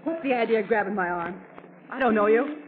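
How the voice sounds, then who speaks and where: A man's voice: a little fast, slight background noise, natural voice. An actor playing a frightened, flashily dressed woman who denies who she is, in an old radio drama. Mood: panicky. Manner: panicky, shrill. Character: frightened flashy woman denying her past. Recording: tinny old radio broadcast.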